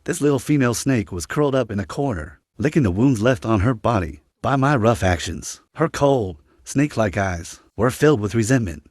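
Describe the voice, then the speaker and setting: A man narrating a story in the first person with steady, even storytelling, recorded close and dry. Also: mid-range voice, moderate pace, hardly any pauses, no echo. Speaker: recap narrator.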